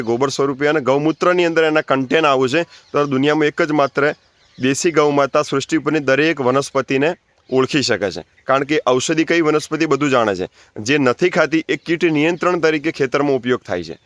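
A man's voice: mid-range voice, a bit bright, no room sound. A man giving an earnest, preachy spoken appeal to keep cows, repeating his points and urging listeners. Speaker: natural farming advocate.

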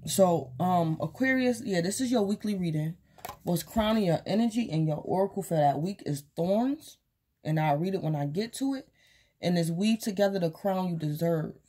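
She speaks at normal speed with lively intonation, her voice fairly low and dark. A tired tarot reader losing her voice, she gives a casual, rambling reading full of fillers and repeats at a card-and-crystal table in a small home room.

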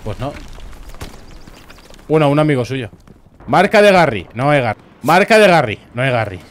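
A man with a Murcian Spanish accent giving casual, crude, joking commentary over a shooter game, often bursting into loud yelps. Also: mid-range voice, sing-song, moderate pace. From Murcia, Spain. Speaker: gameplay commentator.

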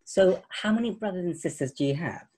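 A man's voice: high-pitched, lively intonation, a little fast, darkish tone. A man interviewing a guest, asking patient questions and restating the answers before moving on. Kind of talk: oral history interview.

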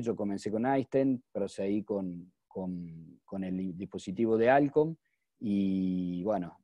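A man's voice: lowish voice, mellow, dry recording, dull audio. A man with a Cordobese Argentine accent giving an informal medical lecture as a surgeon presenting cases, explaining and stressing the openings of his phrases. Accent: Cordobese Argentine Spanish. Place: small indoor room, on a video call.

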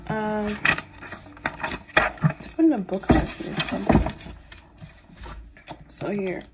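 A teen vlogger takes it slowly, her medium-pitched voice expressive over heavy background noise. She rambles casually with many filler words in a day-in-my-life vlog, recorded on a phone propped up in her small bedroom.

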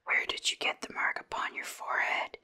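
A woman's voice: a little fast, sharp tone. A woman voicing an imperious, bargaining giant wizard head from a storybook in a stern, commanding whisper. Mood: questioning.

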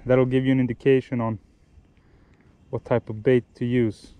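A young man talks through fishing tips beside a lake in a mellow, warm voice, at an unhurried pace. He explains things patiently and often stops to rephrase or correct himself. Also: medium pitch, clean tone. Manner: relaxed, explanatory, with frequent restarts and self-corrections. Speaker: fishing vlogger. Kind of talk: casual instructional talk while fishing. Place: outdoors by a lake.

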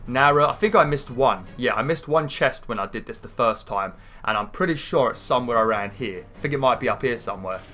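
A man's voice: mid-range voice, a little fast, few pauses, bright, forceful tone, soft background music. A British man in his thirties with a nasal voice, as if pinching his nose, rambling casually and swearing a bit as he commentates on a video game. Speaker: gaming video host.

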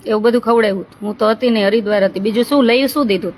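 A woman's voice: fairly high pitch, very fast, darkish tone. A woman, chatting in a motherly, teasing way as an ashram caretaker. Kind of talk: casual chat with girls and viewers. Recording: noisy outdoor recording with traffic.

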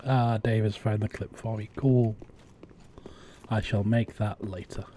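A man's voice: on the low side, fairly even intonation, measured pace, mellow, a little hiss or hum. A young man chatting casually while playing a game on a live stream, muttering to himself as he goes.

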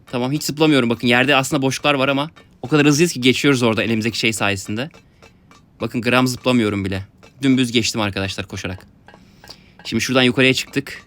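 A young man giving excited let's-play commentary, talking to his viewers and yelping at his mishaps. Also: medium pitch, fast talker. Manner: excitable, yelps and laughs at mishaps, talks to viewers. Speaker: gaming YouTuber.

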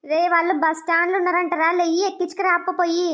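A performer voicing a scolding grandmother in a cartoon, with a quick, nagging manner. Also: very high voice, a little hiss or hum. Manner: scolding, fast, flat sing-song. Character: scolding grandmother, mother of the household. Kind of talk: cartoon voice acting.

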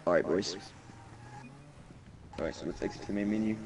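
A man's voice: sits low, normal speed, slight background noise. A young man streaming a game, reading viewers' chat aloud in hyped, slangy casual talk. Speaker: gaming streamer. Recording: distant mic under loud game music. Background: loud game music.

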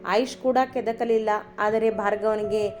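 A woman tells a family love story aloud, narrating at a measured pace. Her pitch stays level and even, sitting in an ordinary middle register. Faint instrumental music plays quietly beneath her voice. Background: soft instrumental music.

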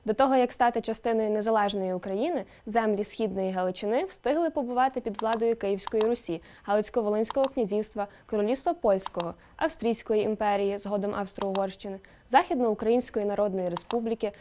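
A woman presenter giving a scripted educational narration, lively and with emphatic rising questions. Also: mid-range voice, slight background noise. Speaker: presenter explaining a dialect.

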